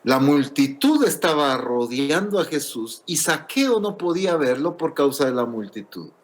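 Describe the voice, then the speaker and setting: A man's voice: fairly high pitch, sing-song, unhurried. A man preaching a sermon in church, earnest and explanatory, asking rhetorical questions.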